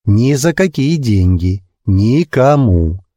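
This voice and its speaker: A man voicing a stern male mountain-clan guardian in an audiobook, speaking firmly and with measured command. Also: medium pitch, very animated, dark tone, dry recording. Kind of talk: audiobook character voice.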